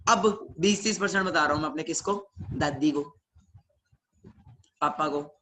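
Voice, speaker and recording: Young man, Punjabi accent, bright, somewhat high voice, lively storyteller, faint hiss behind him. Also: unhurried. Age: young adult. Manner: animated, acts out family members' lines. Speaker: young entrepreneur speaking on a webinar. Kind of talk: motivational storytelling talk.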